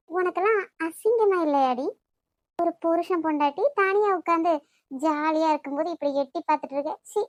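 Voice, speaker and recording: A woman's voice: very high voice, no echo, clean studio sound. A woman with a Kanyakumari Tamil accent voicing a jealous young wife in a cartoon, taunting and scornful. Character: jealous scolding young wife, sharp-tongued. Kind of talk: cartoon voice acting.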